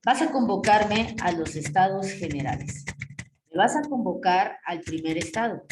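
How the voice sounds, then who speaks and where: A woman's voice: medium pitch, expressive, moderate pace, distant mic, close to an everyday voice. Woman playing a haughty king, roomy echo. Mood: commanding. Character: pompous male absolutist king. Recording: echoey room with faint noise.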